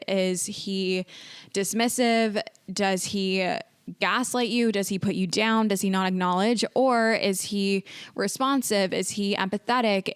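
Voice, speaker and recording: A young woman hosts a casual advice podcast, sounding tearful and emotional as she speaks earnestly and reassuringly, repeating points for emphasis. Her mid-range voice has a clean tone, with no echo and studio quality.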